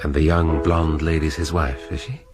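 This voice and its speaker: An actor playing a dry, probing police inspector in a radio drama. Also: male voice, very deep voice, little pitch movement, music in the background. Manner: dry, probing, unhurried questioning. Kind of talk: BBC radio drama acting.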